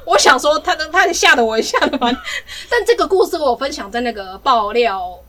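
Young woman podcast co-host, high and rapid, lively casual storyteller. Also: slight background noise. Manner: animated, laughing storyteller.

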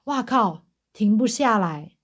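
A woman's voice: on the high side, animated, slow. A woman with a Taiwanese Mandarin accent, chatting casually as a podcast co-host and telling anecdotes.

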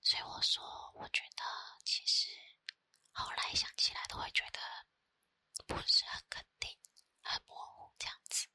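A woman with a Taiwanese Mandarin accent tells personal stories in a soft, breathy ASMR whisper close to the microphone, unhurried and with pauses. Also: no room sound. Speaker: ASMR creator. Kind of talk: whispered ASMR storytelling, chatty.

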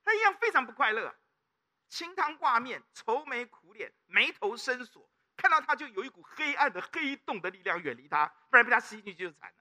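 A man's voice: very high-pitched, fairly quick. A middle-aged male pastor with a Taiwanese Mandarin accent, preaching a sermon and often prompting the congregation with questions. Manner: animated preaching with call-and-response questions.

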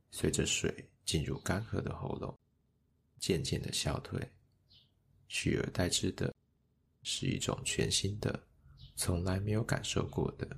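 A man narrating a children's story in a gentle, measured way. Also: low voice, vocal fry, breathy edge.

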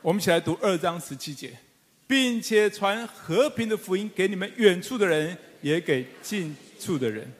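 A middle-aged man pastor preaching a sermon, animated and fervent, with humorous asides to the congregation. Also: high voice, normal speed, slight background noise. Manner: animated, rising to fervent emphatic calls. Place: church sanctuary with congregation. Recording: long church hall reverb.

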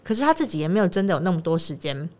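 A woman's voice: fairly low pitch, very animated, racing, darkish tone. A woman with a Taiwanese Mandarin accent, co-hosting a podcast and retelling a friend's story in casual, rambling chat. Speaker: podcast co-host.

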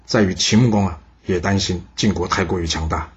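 A man narrating a story for a podcast in a lively way, with rhetorical questions and drawn-out particles. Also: low voice, breathy edge, highs cut off.

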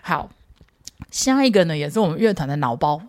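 This podcast host, a woman in her thirties with a Taiwanese Mandarin accent, speaks briskly in a low, sing-song, slightly mellow voice. Telling stories casually and alone, she teases, plays around, and laughs at her own jokes, all recorded dry and clean in a studio.

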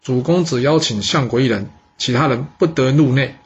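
A man voicing a scheming male court minister, speaking low and conspiratorially. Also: normal speed, slightly rough, dull audio.

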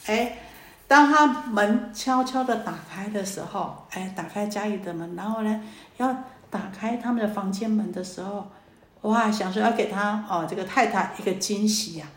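A woman Buddhist dharma teacher giving a sermon, telling a story in a lively way with many fillers. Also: medium pitch, normal speed. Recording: roomy echo, faint ambience.

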